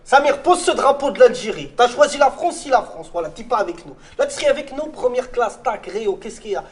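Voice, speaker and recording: A man in a comedy sketch who plays a coach and gives bossy, rapid-fire orders to his team. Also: very high-pitched, expressive.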